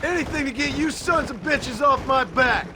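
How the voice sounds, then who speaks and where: A weary former outlaw gunslinger in a Western video game, curt and defiant. He pushes his voice very high for a man, with dry folksy phrasing. Hoofbeats and outdoor noise run clearly behind him. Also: animated, normal speed. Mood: bitter, defiant. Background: hoofbeats, outdoor ambience.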